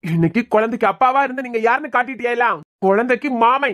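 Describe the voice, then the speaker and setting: A woman's voice: on the high side, fast, natural voice. A woman with a Kanyakumari Tamil accent voicing a stern young male doctor who scolds and interrogates in a cartoon. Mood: indignant. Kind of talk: cartoon voice acting.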